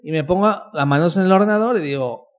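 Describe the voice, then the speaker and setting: Spanish-man, fairly high voice. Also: fast, dull audio. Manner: conversational, tags sentences with "¿no?". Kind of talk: personal testimony talk.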